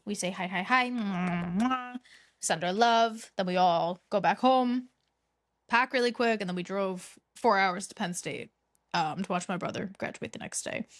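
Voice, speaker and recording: A woman's voice: medium pitch, moderate pace. Young woman podcast host, rambling chat. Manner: rambling, restarts often, laughs a lot. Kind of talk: casual chat.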